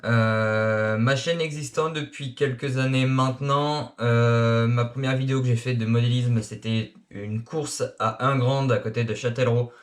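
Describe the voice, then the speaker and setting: Young male RC YouTuber from France, late teens, halting casual delivery, average pitch. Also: fairly even intonation. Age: young adult. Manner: hesitant, many filler sounds. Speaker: RC hobby YouTuber. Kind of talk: casual self-introduction. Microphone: action camera.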